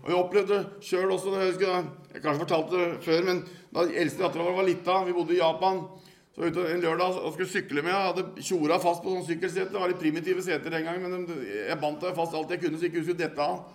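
A man's voice: high voice, flat delivery, creaky. An older man from Norway preaching a sermon in an earnest, storytelling manner.

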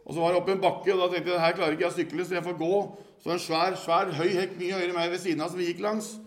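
A man's voice: sits high, flat delivery. An older man from Norway preaching a sermon in an earnest, storytelling manner.

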